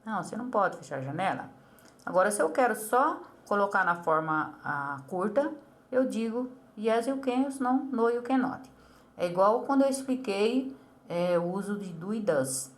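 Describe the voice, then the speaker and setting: A woman with a Brazilian accent teaches English to a child. She explains patiently and says each example phrase slowly and carefully. Her voice sits at a medium pitch. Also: expressive. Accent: Brazilian Portuguese.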